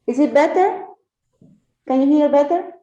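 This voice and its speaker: A woman asking halting questions in a group discussion, sounding as if she is in an echo chamber. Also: sits high, dark tone. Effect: echoey, hollow sound as if in an echo chamber. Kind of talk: casual group discussion over video call. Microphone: camera on a TV set far from her. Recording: echoey, dull, distant video-call audio with faint noise.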